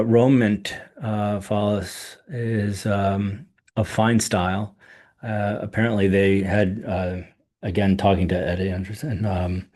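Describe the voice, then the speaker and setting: Male podcast host, very deep voice, hoarse, halting casual commentary with frequent ums. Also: darkish tone. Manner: halting, many ums and restarts, thinking aloud. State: losing his voice. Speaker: podcast host reviewing coin auctions.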